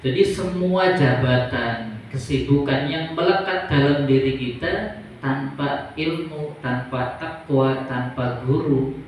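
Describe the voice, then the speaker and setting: Slow, measured man in echoey hall. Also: mid-range voice, distant mic, a little hiss or hum. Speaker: Islamic boarding school teacher. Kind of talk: religious advice talk.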